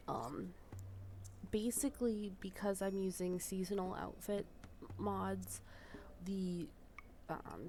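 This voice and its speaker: A woman with a stuffed-up nose chatting casually as she streams a farming game, trailing off into soft fillers. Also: fairly low pitch, slight background noise. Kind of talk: casual gameplay commentary. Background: game music.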